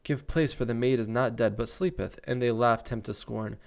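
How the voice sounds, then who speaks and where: Gravelly young man reading scripture. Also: mid-range voice, moderate pace, darkish tone. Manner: reads scripture aloud, stops to comment casually. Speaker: Bible reader and commentator. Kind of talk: casual Bible reading with commentary.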